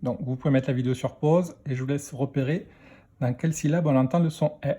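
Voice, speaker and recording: A man teaching a children's reading lesson, slowly sounding out letters and syllables one by one. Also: mid-range voice, fairly even intonation, mellow, breathy edge. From France. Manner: slow, spelling out sounds letter by letter.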